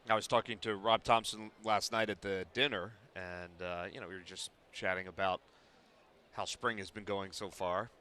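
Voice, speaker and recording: A man working as color commentator on a baseball broadcast, offering relaxed, thoughtful analysis with some dry humor. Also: deep voice, normal speed, smooth.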